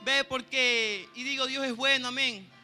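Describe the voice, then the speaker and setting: High, bright-voiced Venezuelan man preaching. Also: fairly even intonation, unhurried, soft background music. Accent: Venezuelan Spanish. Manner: earnest, keeps asking "¿sabe, hermano?". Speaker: church pianist preaching. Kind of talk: sermon with personal testimony.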